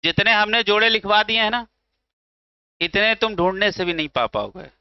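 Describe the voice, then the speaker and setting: A man's voice: sits high, normal speed, clean tone, no room sound. A man teaching chemistry in Hindi, with a north Indian accent, putting questions to his students and answering them himself, calling them beta. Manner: calls students beta and bhaiya. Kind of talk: classroom lecture. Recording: slightly dull, dry sound.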